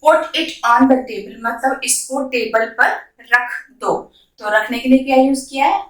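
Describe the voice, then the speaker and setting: Slow-paced woman teaching English words. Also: sits high, fairly bright tone. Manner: slow, drawn-out model sentences between quick explanations. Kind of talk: beginner language lesson. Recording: echoey room, voice from a distance.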